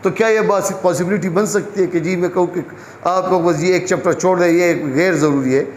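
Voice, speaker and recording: A man's voice: sits high, fairly even intonation, a little hiss or hum. A male biology lecturer gives a classroom lecture, asking questions and answering them himself. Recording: echoey room with faint background ambience.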